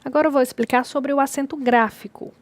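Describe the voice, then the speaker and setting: A woman teacher giving a recorded distance-learning lecture, explaining slowly and repeating key words. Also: sits high, fairly even intonation, dry recording.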